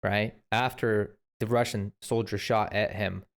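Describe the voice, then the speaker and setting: A man's voice: on the low side, steady tone, a little slow. A man from Ukraine, rambling in casual commentary as he reacts to footage. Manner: rambling, restarts often, thinks aloud. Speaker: reaction video host.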